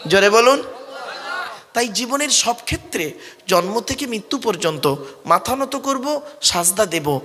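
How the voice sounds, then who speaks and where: A man with a high voice preaches a Bengali waz sermon to a crowd, calling them "bap" and "baba", meaning father. He asks them to answer back, drills correct Arabic pronunciation and uses rhetorical questions that rise into shouted lines, all under a long reverb tail.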